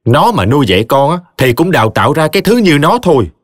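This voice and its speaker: A man's voice: a little high, big pitch swings, fast, dry recording, clean studio sound, voice pushed up. A man doing a stern scolding village teacher. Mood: lecturing. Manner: lecturing, scornful.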